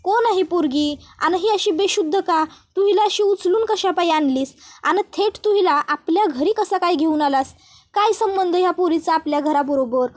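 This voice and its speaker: A stern older village matriarch, as a woman puts her on, scornful and cold toward her daughter-in-law. She speaks in in a high voice, full of threat. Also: moderate pace. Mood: demanding.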